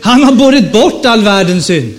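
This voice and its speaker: A man's voice: high voice, big pitch swings. A man in his fifties with a Stockholm Swedish accent, an evangelist preaching a chatty, joking sermon at a revival meeting and often asking the audience questions. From Sweden. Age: 50s.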